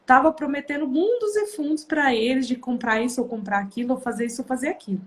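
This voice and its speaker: Animated Brazilian woman telling family stories. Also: sits high, fast talker. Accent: Brazilian Portuguese. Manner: animated, acts out quoted voices of her children. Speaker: parenting video host. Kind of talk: casual storytelling to viewers.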